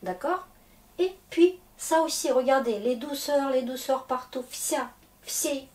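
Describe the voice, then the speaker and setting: A woman's voice: sits high, unhurried, a little mellow. A woman who is a Russian teacher and native Russian speaker, explaining grammar patiently and checking often that the class follows. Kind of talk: classroom lesson. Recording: echoey room, distant mic, faint noise.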